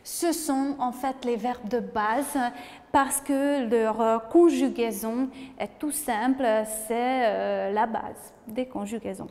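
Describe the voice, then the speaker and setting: A female teacher gives a slow, careful lesson, spelling endings out letter by letter and pausing often between words. Her voice sits fairly high, and a long reverb hangs around it. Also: darkish tone. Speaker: French teacher. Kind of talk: slow, patient language lesson. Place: room with a board.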